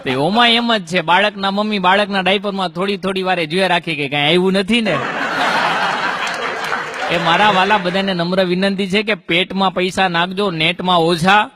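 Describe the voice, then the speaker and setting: A man's voice: sits high, steady tone, moderate pace, long reverb tail, very noisy. A man doing folk stand-up comedy, telling stories with punchlines and rhyming couplets.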